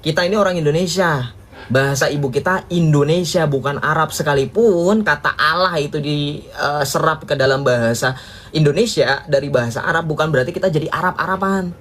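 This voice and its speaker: A man's voice: a little high, fairly quick, a bit bright, slight background noise. A man giving a polemical religious monologue to viewers, mocking and combative, chuckling at his own jabs and firing rhetorical questions at listeners. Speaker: religious teacher.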